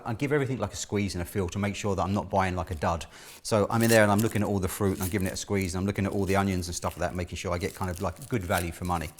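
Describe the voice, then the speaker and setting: Male chef presenter, middle-aged, lower voice, rapid casual delivery, chatty instructional style. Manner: chatty, instructional, often checking in with "okay?". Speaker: chef presenting a cooking lesson. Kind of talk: casual cooking demonstration. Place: indoor kitchen studio.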